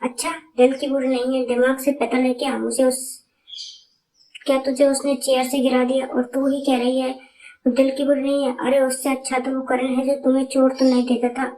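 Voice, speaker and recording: A woman's voice: high voice, flat delivery, moderate pace, dark tone, lightly acted. A woman voicing a blunt young female friend in a spoken story, talking in a bossy, scolding way. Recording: roomy, from a distance.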